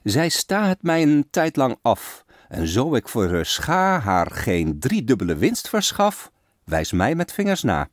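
A man's voice: mid-range voice, wildly swooping pitch, unhurried, dry recording, studio quality. Aesopus, a man doing a sly old hunchbacked fabler. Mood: knowing.

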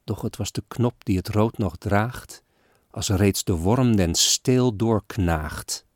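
A man giving a solemn, expressive recitation of an old-fashioned story poem. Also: on the low side, slow, dry recording, studio quality. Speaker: reader. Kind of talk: dramatic poetry recitation.

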